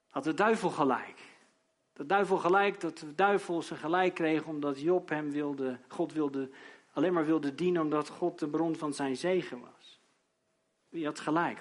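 A man preaching a sermon, dramatic and emphatic, at times rising to loud outbursts. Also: a little high.

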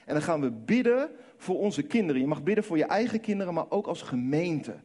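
A man's voice: a little high, sing-song, brisk, dark tone. A man leading his congregation in prayer and then preaching, fervent and urging. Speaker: pastor. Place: church service.

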